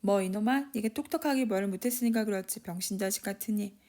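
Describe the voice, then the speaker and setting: A woman voices a drunken, boastful, one-armed father who rambles and scolds in Gyeongsang dialect, in a drunk scolding mood. The voice, described as a man's, is high, fast, a little mellow, and natural.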